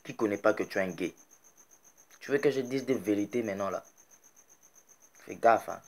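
A man's voice: on the low side, fast talker, a little mellow. A man, angrily scolding a rival musician in a direct-to-camera rant and repeating rhetorical questions. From Democratic Republic of the Congo. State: angry.

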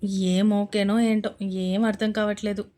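A woman's voice: mid-range voice, level tone, unhurried, mellow, natural voice. A woman voicing a bewildered young man asking questions. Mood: puzzled. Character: young man, puzzled friend.

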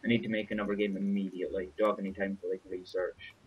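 A man's voice: sits low, flat delivery, fast talker. Young man, casual gaming chat. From Scotland. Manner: chatty, wry banter. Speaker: gaming channel host. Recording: dull hissy home mic.

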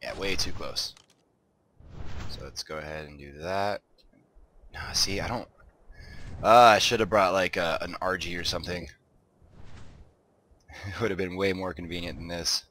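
A deep-voiced man, a gaming video host, speaks a little slowly with long pauses over a faint hiss or hum. Sounding somewhat stuffed-up, he relaxes into chatty commentary, talking to himself as he plays and builds.

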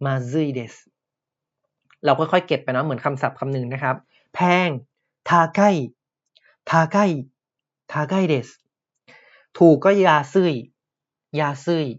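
Man teaching a language slowly. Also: a little high, muffled recording. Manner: explains patiently, repeats words slowly. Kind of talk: podcast language lesson.

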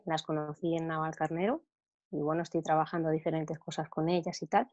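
A woman's voice: low voice, level tone, brisk. A woman from Madrid with a Spain Spanish accent, sharing her thoughts on a video call in a hesitant, reflective way. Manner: hesitant, reflective, soft trailing ends. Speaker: participant.

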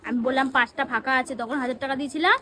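A woman's voice: steady tone, pushed and bright, a little hiss or hum. A woman in a scripted family skit, arguing defensively. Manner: defensive, quick and high-pitched. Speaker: younger family member accused over a parcel.

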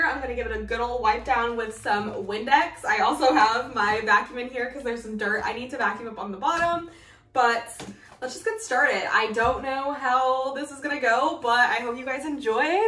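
A woman's voice: on the high side, fairly bright tone. A young adult woman chatting casually to camera as a vlog host, recorded in an echoing bathroom. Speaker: vlogger, channel host. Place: small tiled bathroom, indoors. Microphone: camera a few feet away. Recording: echoey bathroom, distant mic.

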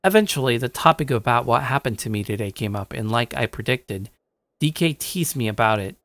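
Here a young man at medium pitch sounds expressive and brisk, his tone fairly bright with no echo. Narrating as the lead character, he portrays a shy but slightly cocky gamer reflecting casually on his day in the manner of an anime audio drama, musing and upbeat. It's a dry studio recording set over music.

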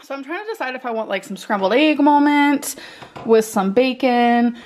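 Young woman vlogger, slightly high voice. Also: lively intonation, moderate pace, background noise. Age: young adult. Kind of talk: casual vlog chat. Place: indoors at home, kitchen and rooms.

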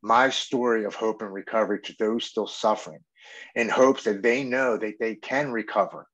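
Male guest, forties, lowish voice, earnest and reflective, heartfelt storytelling. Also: fairly even intonation, normal speed, fairly bright tone, highs cut off. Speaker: podcast guest in recovery.

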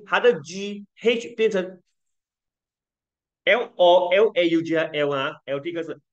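A man's voice: high-pitched, steady tone, measured pace, dull audio. A man teaching an English lesson in a playful way, switching between languages and repeating words for learners to copy.

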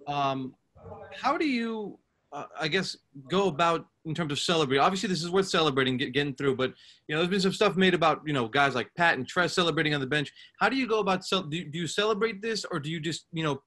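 A man reporter asking a quick, rambling question at a press conference. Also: on the high side, animated, sharp tone.

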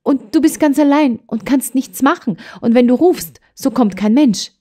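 A woman's voice: high-pitched, moderate pace, voice pushed up. A woman voicing a hot-tempered, stubborn young girl in an audiobook, talking in eager, pleading outbursts. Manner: excited, pleading, tearful outbursts. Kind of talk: audiobook character voice.

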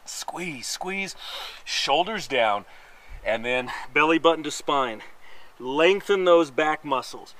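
A man with a slightly high, a little nasal voice coaches a workout slowly while exercising. The fitness instructor is on an outdoor wooden deck amid pine trees, counting reps energetically and cracking jokes along the way.

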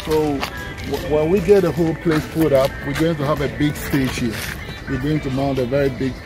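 Ghanaian-accented man over loud music. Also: fairly high pitch, steady tone, brisk, low-quality recording. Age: middle-aged. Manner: often ends phrases with a tag "right?". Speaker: hotel owner showing a site. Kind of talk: casual guided walk-through interview. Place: outdoors on an open hotel building site.

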